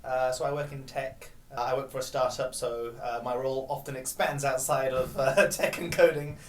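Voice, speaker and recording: A man's voice: mid-range voice, steady tone, normal speed. A man from the UK working as a machine learning engineer, talking casually, laughing often and repeating words while he thinks. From United Kingdom. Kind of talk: casual conversation. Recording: echoey room, faint background noise.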